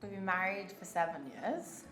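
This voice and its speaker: A woman's voice: mid-range voice, normal speed, fairly bright tone. A woman aged about thirty chatting casually as she answers interview questions. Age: 30s. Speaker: fitness coach. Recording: roomy, music behind.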